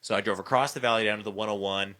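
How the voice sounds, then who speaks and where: A man's voice: fairly low pitch, steady tone, rapid-fire, bright, forceful tone. A man hosting a casual podcast, telling a story in a rambling way, full of fillers and restarts. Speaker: podcast host.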